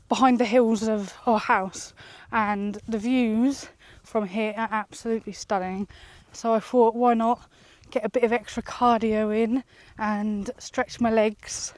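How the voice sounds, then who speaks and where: A woman's voice: fairly high pitch, darkish tone, dry recording. A woman from the UK chatting to camera in a vlog while out walking. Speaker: vlogger. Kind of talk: casual vlog talk to camera. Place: outdoors on a hill walk.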